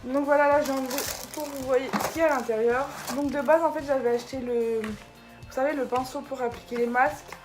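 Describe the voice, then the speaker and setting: A woman's voice: high-pitched, fairly even intonation, brisk, over music. A woman chatting casually through an unboxing video, tripping over product names as she shows them. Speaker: beauty vlogger. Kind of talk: casual unboxing haul vlog.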